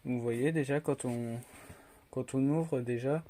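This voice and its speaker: A man's voice: medium pitch, slow, warm tone. A young man from France chatting casually through an unboxing vlog, rambling with many fillers and restarts. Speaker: tech unboxing vlogger.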